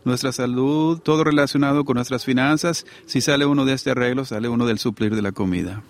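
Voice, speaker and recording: A middle-aged man delivers a sermon in a relaxed, conversational way and keeps checking that his listeners agree. His voice sits at an ordinary pitch and has a gravelly edge. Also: brisk. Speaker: preacher. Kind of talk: sermon to a congregation.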